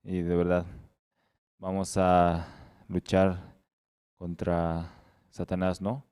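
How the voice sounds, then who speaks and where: A male evangelist leads a church service in a very deep, smooth voice. His delivery is flat and even, earnest and steady as he preaches. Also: takes it slowly. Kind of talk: sermon.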